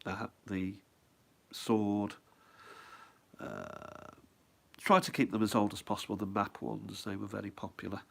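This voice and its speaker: A middle-aged man with a head cold shows his stamp album at home in a fairly low, creaky voice that is a bit bright and animated. Speaking a little slowly with long pauses, he rambles casually, musing aloud and asking himself questions.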